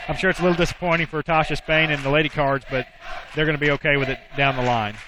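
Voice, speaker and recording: A man giving relaxed, analytical color commentary on a college volleyball game. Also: a little high, fast talker, background noise. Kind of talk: sports commentary.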